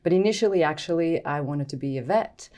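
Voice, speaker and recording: A middle-aged woman from Portugal with a Portuguese accent, a guest scientist talking thoughtfully in a podcast interview, with many pauses and ums. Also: low voice, warm tone. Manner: thoughtful, hesitant with frequent ums.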